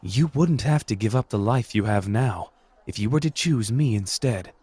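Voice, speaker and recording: Husky, expressive and on the low side, this man's voice brings a suave renegade sorcerer to life in an anime audio roleplay. His measured, formal delivery is gently persuasive and manipulative, carrying a coaxing, needling mood on a dry recording.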